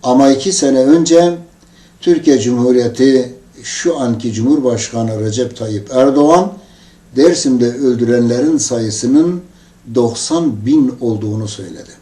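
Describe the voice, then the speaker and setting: Impassioned preacher, echoey far-off recording. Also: male voice, medium pitch, unhurried. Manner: emphatic, rising to loud outbursts. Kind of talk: impassioned storytelling sermon. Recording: echoey room, distant mic.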